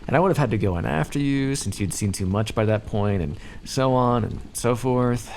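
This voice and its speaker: Close to an everyday speaking voice, his delivery is medium-pitched, darkish and moderately paced, with slight hiss or hum on the recording. He voices a smug vampire captor for ASMR, teasing and talking down to the listener theatrically while drawling out pet names.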